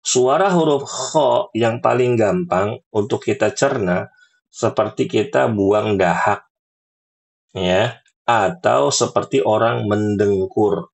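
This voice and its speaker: Low gravelly man teaching letter sounds. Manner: demonstrates letter sounds slowly and repeatedly. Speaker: Quran recitation teacher. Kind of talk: relaxed teaching talk to women.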